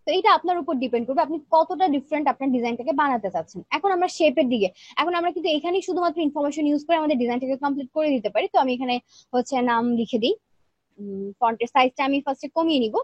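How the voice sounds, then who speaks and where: A woman leads a live online design class, walking through each step and checking in with her students. She talks quickly in a high voice, kept soft because she feels weak today. The audio is dry and a little dull, like a low-fi online class. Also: no echo. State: feeling weak, speaking softly. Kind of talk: live screen-share tutorial.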